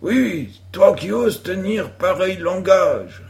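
An earnest, stubborn young boy playing the villain in a pretend duel, as a male reader acts him out. The voice sits higher than a man's usual talk. It is a storybook reading, unhurried. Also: expressive, gravelly, a little mellow, exaggerated voice. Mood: declaiming.

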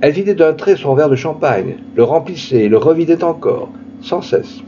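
A man reading a classic story aloud in an expressive literary style, with dramatic emphasis. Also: normal speed, muffled recording, a little hiss or hum. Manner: dramatic, shifting pitch for emphasis.

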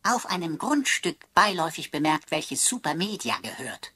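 A woman's voice: deep voice, big pitch swings, normal speed, pushed and bright, breathy edge, full character voice. A woman voicing a quirky talking computer sidekick who speaks in playfully pompous, archaic phrases in a radio drama. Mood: mock-pompous.

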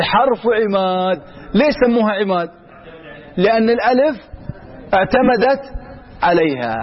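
A man's voice: sits high, muffled recording. A man teaching grammar in a classroom, quizzing his students and repeating example after example. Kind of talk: classroom lesson.

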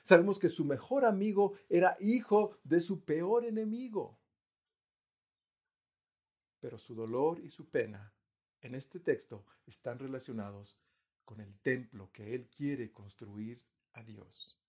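A man preaching a sermon as pastor, earnest, often restarting phrases, his voice rising and then dropping quiet. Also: animated. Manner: earnest, pauses and restarts, voice swells then sinks low.

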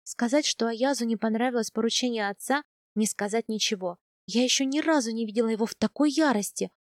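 A woman reading a first-person novel aloud, soft and intimate in tone. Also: fairly high pitch, fast talker, no echo, studio quality. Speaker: audiobook narrator.

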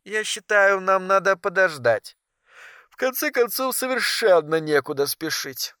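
A man reading a story aloud who voices a cautious young woman, speaking softly and with guarded reluctance. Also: high-pitched, lively intonation, measured pace, smooth, no echo, clean studio sound, pitched above the performer's own voice, full character voice. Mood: hesitant. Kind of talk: audiobook character voice.

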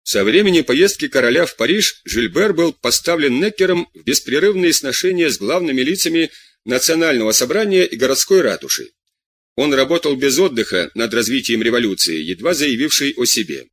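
Husky expressive male audiobook narrator. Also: mid-range voice, a little fast, dry recording. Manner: expressive reading, voicing characters.

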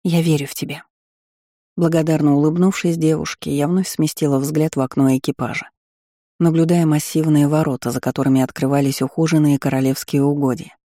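A man narrating an audiobook in a calm, even reading voice. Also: a little high, a little fast, no echo, clean studio sound. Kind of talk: scripted narration.

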